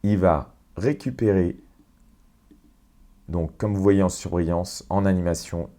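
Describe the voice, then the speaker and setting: Slow, low-voiced man explaining software. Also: fairly even intonation. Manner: unhurried, explanatory, many fillers and self-corrections. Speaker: tutorial presenter. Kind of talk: screen-share software walkthrough.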